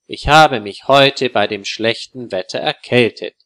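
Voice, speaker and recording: A man's voice: medium pitch, measured pace, fairly bright tone, natural voice. A man voicing a hotel guest with a cold, speaking in plain, simple sentences in a storybook reading. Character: a hotel guest, a man who has caught a cold and is annoyed.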